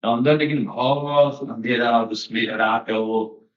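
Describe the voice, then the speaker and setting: Speaking slowly in a mid-range voice with fairly even intonation, a man delivers a chatty, story-driven sermon as a devotional speaker. English phrases and occasional laughter pop up along the way. The sound is dull, distant and full of echo.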